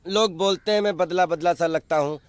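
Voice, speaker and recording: A man's voice: high-pitched, fast, clean tone, dry recording, close to an everyday voice. An actor playing a puzzled small-town male temple priest. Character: odd little male temple priest, grown man.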